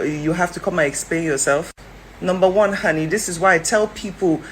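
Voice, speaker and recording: A woman giving opinionated advice on a vlog, direct and lecturing, firing off rhetorical questions and sometimes talking fast. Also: lowish voice, a little hiss or hum, poor audio. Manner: talks fast at times. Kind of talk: opinionated social commentary.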